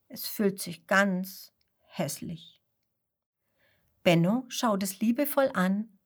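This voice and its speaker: A woman reading a children's story aloud, softly and expressively. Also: on the low side, slightly rough. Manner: slow, soft and expressive.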